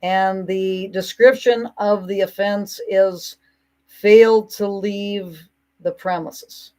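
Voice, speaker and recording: A woman's voice: mid-range voice, fairly even intonation, takes it slowly, darkish tone. A woman talking casually to her audience in an indignant, rambling monologue, often breaking into mocking asides. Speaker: commentator.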